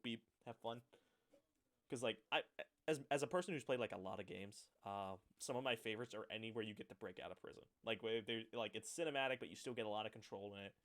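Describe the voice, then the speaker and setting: A man hosting a casual gaming chat, animated and loose, swearing and acting out quoted lines. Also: on the low side, fast talker. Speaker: podcast host.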